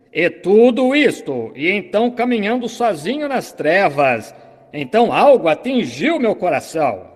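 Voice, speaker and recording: A man preaches with fervent conviction, his voice sitting high and swinging widely in pitch. The sermon carries the even cadence of a dubbed translation, and a long hall reverb trails behind every phrase.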